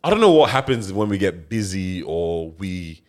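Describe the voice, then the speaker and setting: Animated man in casual podcast chat. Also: low voice, normal speed. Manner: slangy, acts out remembered remarks. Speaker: podcast host.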